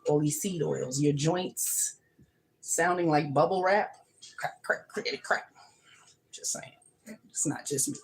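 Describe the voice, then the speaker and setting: A woman's voice: deep voice, a little slow, a little mellow, rough recording. A woman from the United States hosting a casual livestream from her home kitchen, talking emphatically and repeating her points. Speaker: livestream host.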